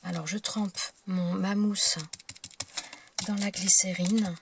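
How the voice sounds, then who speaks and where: A woman's voice: medium pitch, flat delivery, slow. A woman hosting a craft tutorial, talking casually with many fillers and restarts as she works. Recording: noticeable background noise with clicks. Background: noise and clicking sounds.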